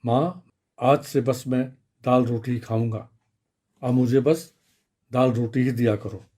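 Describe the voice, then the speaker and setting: A man voicing a fussy little schoolboy in a children's radio story, talking in an excited, childlike way with his pitch jumping up. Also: a little slow, close to an everyday voice. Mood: stubborn. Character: fussy little schoolboy who wants one food.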